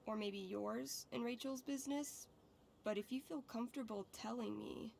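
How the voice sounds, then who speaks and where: A woman's voice: a little high, moderate pace, gravelly, a little mellow, a little hiss or hum. A woman playing a friendly, earnest teenage student in a video game, speaking in a casual, tactful way. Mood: friendly, tentative.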